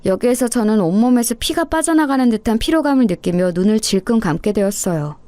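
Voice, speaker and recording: A woman's voice: a little high, lively intonation, fast, dark tone, no room sound. A woman narrating a scripted first-person family story in a bitter, aggrieved tone.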